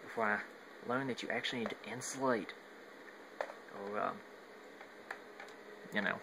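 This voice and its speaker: Moving between indoors and outside at home, a male hobbyist gives a casual, unscripted walkthrough of his home radio antenna setup while filming on a handheld phone. His mid-range voice is flat and creaky, his delivery halting, and a faint hum sits in the background.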